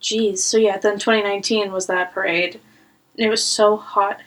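A woman's voice: mid-range voice, flat delivery, normal speed, low-quality recording. Chatty, giggly woman co-host. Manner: chatty, laughing, filler-heavy. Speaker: podcast co-host. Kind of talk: casual chat.

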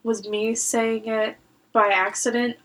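A woman's voice: fairly high pitch, level tone, takes it slowly, a bit bright, low-quality recording. A woman co-hosting a podcast in casual chat, chatty and laughing, with lots of "like". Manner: chatty, laughing, filler-heavy. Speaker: podcast co-host.

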